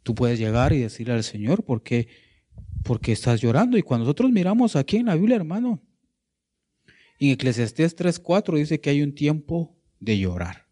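Warm and slightly high, this man's voice swings widely in pitch as he preaches at a moderate pace. He asks his listeners rhetorical questions, repeatedly adds "¿verdad?", and occasionally gropes for a word partway through a sentence.

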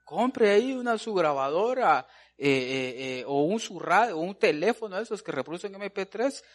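A man's voice: high voice, lively intonation, moderate pace. A man preaching a folksy sermon, calling listeners brother and answering his own questions.

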